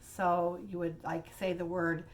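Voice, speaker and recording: A woman's voice: on the low side, level tone, measured pace, slight background noise. A woman teacher casually explaining reading games to fellow teachers, chatty and rambling with many fillers and restarts.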